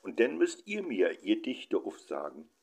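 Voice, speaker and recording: A man's voice: on the low side, huge pitch swings, measured pace, creaky, a little mellow, voice pushed up, full character voice. A man voicing a cheeky nine-year-old boy with a Berlin accent who whines and insists. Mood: insistent. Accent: Berlin dialect. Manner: whiny, insistent.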